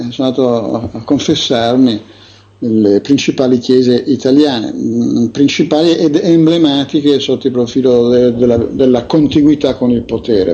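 A man's voice: medium pitch, dark tone, highs cut off, slight background noise. A man, an investigative author, recounting his experiences with indignant emphasis and frequent hesitations.

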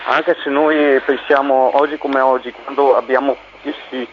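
A man calling in to a radio show over the phone, talking casually and hesitantly with many pauses and fillers. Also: medium pitch, level tone, a little hiss or hum. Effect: heard over a phone line. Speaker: radio caller. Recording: dull phone line on radio.

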